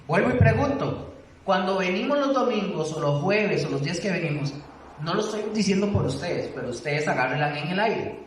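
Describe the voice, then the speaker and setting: A man teaching a church doctrine class, earnest and exhorting, often putting questions to his listeners. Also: high voice. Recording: echoey room, distant mic, faint noise.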